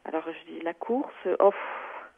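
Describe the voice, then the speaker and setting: A woman's voice: low voice, unhurried, creaky, breathy edge. A woman calling in to tell a personal story, talking hesitantly with many fillers and restarts. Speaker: caller. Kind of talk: phone-in personal account. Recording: tinny phone line.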